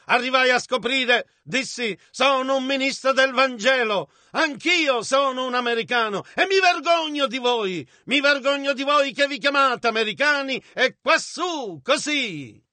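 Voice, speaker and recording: A man giving a translated voice-over of a sermon, relaying the preacher's words in a measured, steady way. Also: very high-pitched, no echo. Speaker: interpreter.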